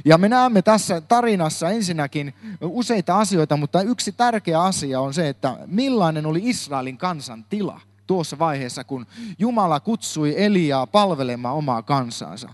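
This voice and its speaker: A man's voice: a little high, expressive. A man giving a Bible talk, reading a long scripture passage aloud with occasional slips and self-corrections. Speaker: preacher.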